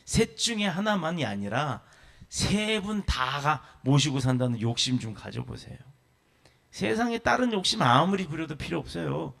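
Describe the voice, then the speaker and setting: A man's voice: fairly high pitch, animated, normal speed, creaky, a bit bright. A man who pastors a church, preaching a sermon with emphatic lists and rhetorical questions.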